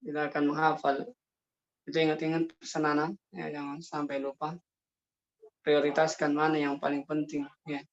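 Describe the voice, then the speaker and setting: A man's voice: on the high side, completely flat delivery, moderate pace, highs cut off. A man teaching an online Arabic class, correcting his students' vocabulary and mixing Arabic phrases into Indonesian.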